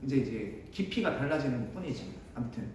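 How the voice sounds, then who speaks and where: A man's voice: medium pitch, animated, fast. A man teaching a math class, chatty and digressive, bantering with his students in a casual way. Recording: echoey room, mic at a distance, faint noise.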